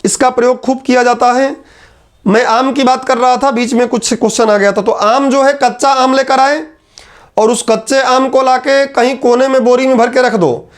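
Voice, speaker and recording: Very high-voiced male teacher. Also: steady tone. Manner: chatty, teasing asides to students; repeats key terms slowly. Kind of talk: classroom lecture. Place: teaching room with a whiteboard.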